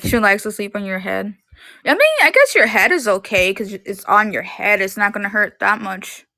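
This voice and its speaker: This thirties-aged woman sells things over a live stream from her room at home, chatting loosely and rambling with heavy use of "like". Her medium-pitched voice carries vocal fry and a pushed, bright quality at a normal speed. The recording is dry and close.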